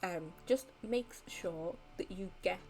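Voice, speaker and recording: Young female streamer, worn out, rambling casual sign-off, slightly low pitch. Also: slow pace, a little mellow, a little hiss or hum, low-quality recording. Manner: rambling, many ums and likes. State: tired. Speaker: live streamer. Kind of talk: casual end-of-stream chat.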